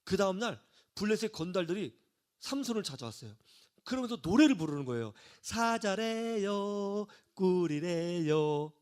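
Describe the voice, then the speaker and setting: A man's voice: high voice, very animated, quick pace, a little mellow. A male preacher telling a Bible story as a sermon, acting out the characters' lines and speaking straight to his listeners. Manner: acts out biblical characters' lines in varied voices, addresses listeners directly. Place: broadcast studio.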